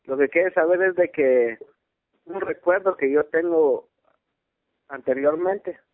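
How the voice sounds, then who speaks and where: A man's voice: on the high side, slow, no room sound. Guatemalan man, 20s, hesitant interviewee; dry, tinny phone-line audio. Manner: hesitant, searching for words.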